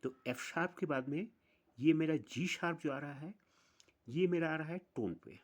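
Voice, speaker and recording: A man teaching music theory, explaining step by step and counting through the notes one at a time. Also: on the high side. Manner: slow, deliberate, counts notes aloud one by one.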